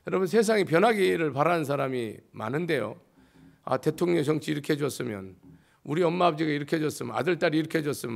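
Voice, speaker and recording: This is a monk's sermon, given by a man whose voice sits at a fairly high pitch with a touch of hoarseness. Rhetorical questions and jumps in volume, loud then quiet, carry his argument.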